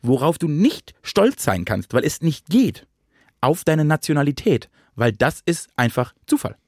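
A man's voice: a little high, very animated, a little slow, a little mellow, dry recording, studio quality. A man co-hosting a podcast in a casual chat, reasoning things out at length with restarts. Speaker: podcast co-host.

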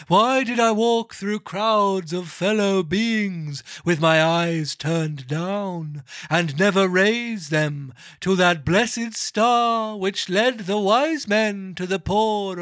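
A mournful chained ghost, wailing its lines out slowly in a high, strained voice, as a man puts him on. The solemn phantom drags every word, dry and close to the mic. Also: fairly bright tone, no echo. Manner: drawn-out wailing delivery, voice rising high. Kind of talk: dramatic reading of a classic novel.

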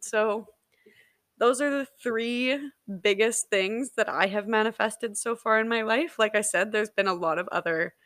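A woman's voice: medium pitch, fairly bright tone, no echo, studio quality. A young woman hosting a podcast, telling a personal story in a chatty, giggly way with plenty of fillers. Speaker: podcast host. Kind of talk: casual storytelling monologue.

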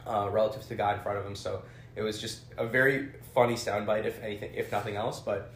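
Male co-host, quick animated storyteller, casual chat, echoey room. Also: fairly low pitch. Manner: animated storyteller, acts out quotes. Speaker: podcast co-host. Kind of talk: casual chat about motor racing. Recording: echoey room with faint background noise.

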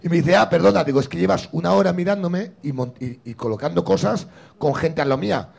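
A middle-aged man from Spain hosting a comedy show, telling a story with a gravelly, husky voice and acting out both sides. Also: a little high, brisk, darkish tone. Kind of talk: stand-up style storytelling.

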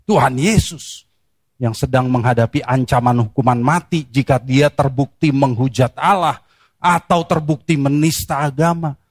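A man preaching a sermon, reading scripture and pressing his points with rhetorical questions and sharp emphasis. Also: mid-range voice, moderate pace, no room sound, studio quality.

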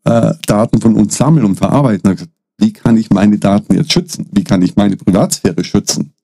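A middle-aged man with a low, gravelly voice tells a story as a podcast guest. His tone is dark and slightly husky. He often stops short and restarts his sentences. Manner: halting, frequent restarts and fillers. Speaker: guest, data protection consultant.

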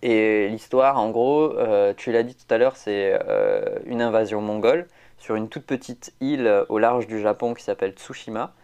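A man's voice: on the low side, very animated, normal speed, darkish tone, clear, resonant tone, highs cut off. A man, chatting casually as a podcast co-host, rambling with lots of fillers and restarts. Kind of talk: casual chat.

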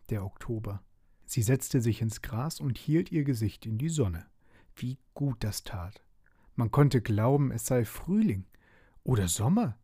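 A man reading a bedtime story, gentle and expressive. His voice is mellow and a little husky, and his delivery moves up and down a lot. The recording is dry and close. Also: medium pitch, no room sound.

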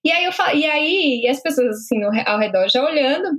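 A woman's voice: sits high, animated, a little fast, a bit bright. A young Brazilian woman with a Brazilian Portuguese accent, animatedly telling a funny story in casual chat, laughing as she goes.

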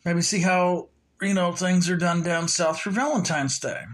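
A man's voice: high voice, steady tone, measured pace, fairly bright tone. A man hosting his own podcast, chatting in a loose, rambling way with plenty of fillers. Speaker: podcast host. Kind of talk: casual solo podcast talk.

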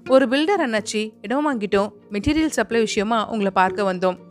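A woman's voice: medium pitch, a little fast, faint music behind, natural voice. A woman voicing an ingratiating young schemer.

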